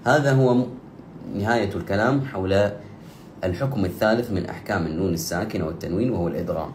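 A man teaching Quran recitation rules, explaining steadily and slowing down for drawn-out recited examples. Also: deep voice, a little mellow, echoey room, a little hiss or hum. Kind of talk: tajweed lesson with slow demonstrations.

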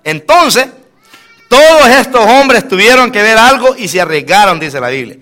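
A man preaching a lively sermon as pastor, mixing jokes and stories, calling out to listeners as brother and dropping into quieter asides. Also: sits high, moderate pace, faint music behind.

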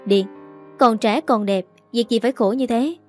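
A woman's voice: a little high, moderate pace, a little mellow, soft background music, natural voice. A woman voicing a pushy, gossipy young female coworker who teases her friend. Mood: teasing. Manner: teasing, bossy.

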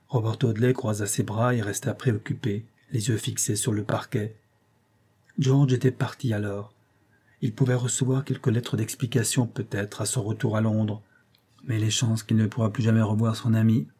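A man narrating a classic novel as an audiobook in a measured, even reading. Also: fairly low pitch, breathy edge. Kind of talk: scripted narration.

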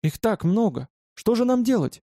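A man's voice: high voice, sing-song, moderate pace, no room sound, studio quality, voice pushed up, heavily acted. A man playing a feisty young army doctor woman. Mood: frightened. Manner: indignant, scolding, sharp.

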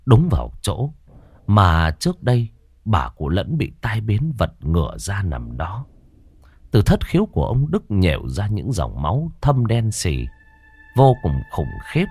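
A man narrating a horror story in a dramatic, expressive way. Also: lowish voice, husky.

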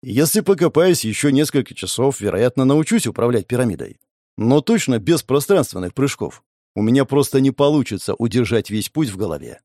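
A man's voice: mid-range voice, very animated, brisk, dark tone, dry recording, clean studio sound. A man reading the part of a male brigade leader who speaks matter-of-factly but uneasily. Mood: uneasy.

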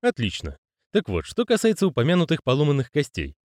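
A male reader voicing a nervous, quick-tongued con man. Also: a little high, huge pitch swings, a little mellow, no echo, studio quality, pitched above the performer's own voice. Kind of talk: audiobook character voicing.

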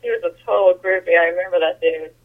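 A woman's voice: on the low side, fast talker. A woman heard over the phone, chatting casually with her brother and reminiscing in an easygoing way, with fillers like "like" and "I mean". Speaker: guest, host's sister. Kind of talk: casual chat. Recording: tinny phone line.

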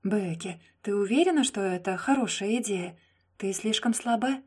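A woman's voice: medium pitch, normal speed, darkish tone, breathy edge, close to an everyday voice. A woman reading the part of a jealous, devoted young man in an audiobook, pleading and insistent.

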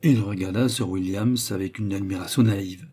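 A man narrating a novel as an audiobook reader in a measured storytelling manner. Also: low voice, dark tone, husky. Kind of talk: scripted narration.

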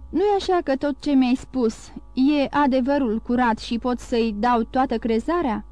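A woman voicing a calm, grave male priest who talks in a measured, quiet way in an audiobook. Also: high-pitched, no room sound, natural voice.

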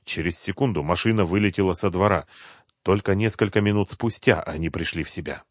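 A man narrating a crime audiobook in an even, measured manner. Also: low voice, no room sound, studio quality.

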